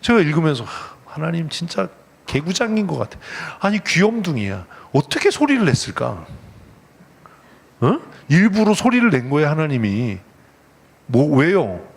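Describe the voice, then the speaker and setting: Male pastor, playful and teasing sermon, somewhat high voice, swoops up and down. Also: huge pitch swings, moderate pace, gravelly, breathy edge. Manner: playful, teasing, acts out God's voice and the congregation. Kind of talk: lively conversational sermon. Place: church sanctuary.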